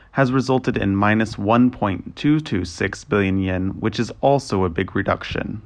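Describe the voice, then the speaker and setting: A man with a lowish, creaky voice narrates a scripted financial report as a voice-over. His reading is formal and measured, with gravel in the tone throughout.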